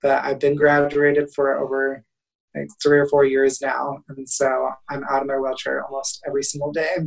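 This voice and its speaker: A man's voice: medium pitch, normal speed, gravelly. Young man telling a story, distant mic. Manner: lively, laughing storyteller. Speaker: guest, motivational speaker. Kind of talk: casual storytelling.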